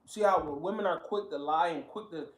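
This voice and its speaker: A man's voice: fairly high pitch, a little fast, reverberant, far from the mic, low-quality recording. A man giving blunt, profane, emphatic casual commentary while reacting to a video.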